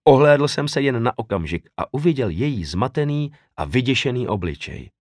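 A man reads a novel aloud in the first person, intimate and measured, with slow dramatic pauses. His mid-pitched voice rises and falls with great life. The recording is close and completely dry. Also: very animated, a little mellow, no room sound. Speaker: audiobook narrator. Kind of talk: first-person scripted narration.

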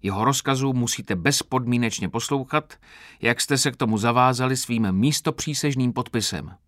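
A man's voice: medium pitch, a bit bright, no echo, clean studio sound, natural voice. A man voicing an army major who formally addresses recruits. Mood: official. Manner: stiff, official. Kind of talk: audiobook character voice.

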